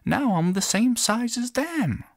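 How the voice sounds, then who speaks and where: A man's voice: extremely high pitch, animated, measured pace, no room sound, clean studio sound, voice pushed up, heavily acted. A man voicing a small young princess in a storybook reading, with a pleading, girlish manner.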